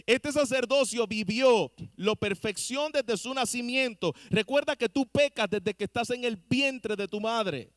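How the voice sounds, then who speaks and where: A man's voice: very high-pitched, a little slow, few pauses, a bit bright, no room sound, clean studio sound. A man preaching a sermon as pastor, speaking straight to his listeners and asking the congregation questions. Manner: asks the congregation rhetorical questions; addresses listeners directly and earnestly. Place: church.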